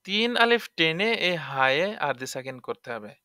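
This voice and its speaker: A man's voice: a little high, big pitch swings, moderate pace, pushed and bright, clear, resonant tone, no room sound, clean studio sound. A man teaching tajweed. He spells words out letter by letter, stretches the vowels when he recites, and keeps asking the listener questions.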